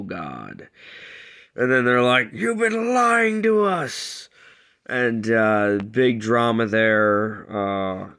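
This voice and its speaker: Low-voiced man rambling through a recap. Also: vocal fry, clear, resonant tone. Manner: rambling, lots of fillers, acts out characters' lines. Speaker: TV show reviewer. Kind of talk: casual episode recap.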